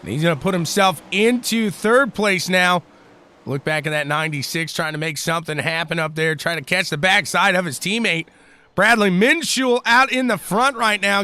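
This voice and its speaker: A man calling a sim-racing event live, chatty and excitable, hollering between calls. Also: high voice. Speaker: race commentator.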